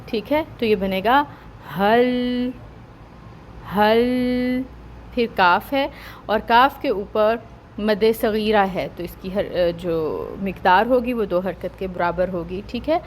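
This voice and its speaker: A woman with a Pakistani Urdu accent and a medium-pitched voice teaches Quran recitation step by step, frequently checking in with the listener with "theek hai." She draws the verses out slowly as she recites, and there's a slight hiss or hum on the recording.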